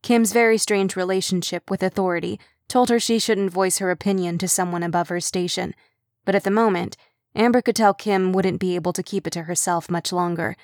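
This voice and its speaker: A woman narrates an audiobook in an even, measured way. The recording is dry and close, with no room sound. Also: fairly low pitch, no room sound. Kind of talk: scripted narration.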